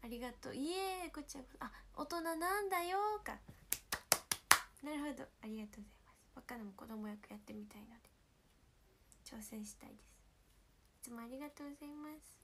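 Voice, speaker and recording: Teenage woman, Kansai accent, higher voice, hushed casual livestream chat through a sore throat, on a phone mic with faint noise. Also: brisk, pauses often. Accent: Kansai Japanese. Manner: soft-spoken, often drops to a whisper. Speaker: idol livestream host.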